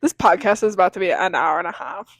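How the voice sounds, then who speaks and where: A woman's voice: lowish voice, expressive, fast, dry recording. A young woman in her twenties co-hosting a podcast, blunt and crude, acting out what people said. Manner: blunt, crude jokes, acts out quotes. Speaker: podcast co-host. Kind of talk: casual chat.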